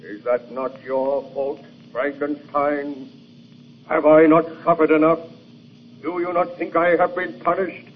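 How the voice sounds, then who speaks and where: An actor playing a wretched, bitter man-made monster in a vintage radio drama, pleading slowly with his creator. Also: mid-range voice, slight background noise, close to an everyday voice. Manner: slow, brooding, anguished pleading. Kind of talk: 1940s radio acting. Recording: tinny old radio recording.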